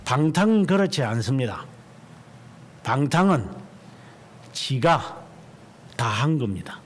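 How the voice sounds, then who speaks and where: A man over fifty, a pastor delivering a sermon in church, emphatic and drawing out key words slowly. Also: medium pitch, very animated, breathy edge.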